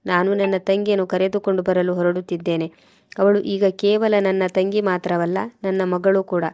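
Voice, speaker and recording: A cold, betrayed husband levels accusation after accusation in an even, unbending tone, as a woman narrator reads him. The delivery stays level in pitch with little rise or fall. The recording is dry and close. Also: normal speed, no room sound, natural voice. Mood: accusing. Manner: accusing, harsh.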